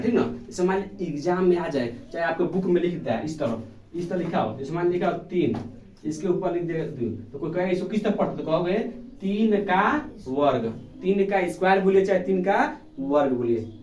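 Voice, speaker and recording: A male teacher with a high-pitched voice takes young pupils through a basic math lesson. He asks a question, answers it himself, and repeats the key word again and again. His voice sounds echoey and distant, as if the mic sits across the room. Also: expressive, brisk, darkish tone, slight background noise. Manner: calls pupils "babu", affectionate. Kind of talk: classroom lesson.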